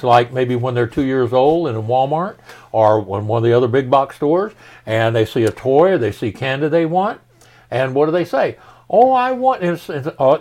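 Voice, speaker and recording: A middle-aged man, a pastor, talking through his teaching in a relaxed, folksy conversation. He leans on everyday examples and tosses questions back at his listener. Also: mid-range voice.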